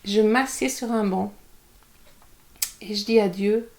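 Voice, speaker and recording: A middle-aged woman, a guest author telling her story in a candid podcast conversation, animated and self-mocking. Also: medium pitch, takes it slowly, vocal fry. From Belgium.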